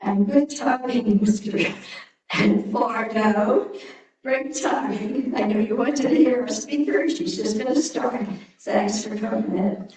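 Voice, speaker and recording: Slow chatty woman introducing a speaker, mic far off, really echoey. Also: fairly high pitch, darkish tone. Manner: chatty, loose and rambling. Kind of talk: casual introduction at a service. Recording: echoey hall from far off, crowd behind.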